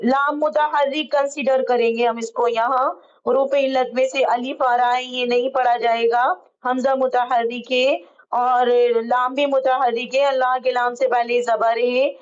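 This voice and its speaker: A woman teaching how to read Quranic script, explaining each rule slowly and patiently and drawing out the words she recites. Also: high voice, lo-fi sound. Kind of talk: online Quran reading lesson.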